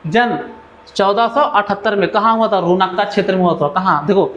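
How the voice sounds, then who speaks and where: A man's voice: high voice, a little fast, fairly bright tone, lo-fi sound. A male teacher giving an exam-oriented literature lesson, who keeps asking the class questions and answering them himself.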